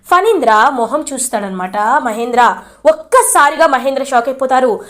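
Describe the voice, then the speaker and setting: High-voiced woman recapping a serial. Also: moderate pace. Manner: chatty, animated retelling with quoted lines. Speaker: serial episode recap narrator. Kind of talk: casual storytelling recap.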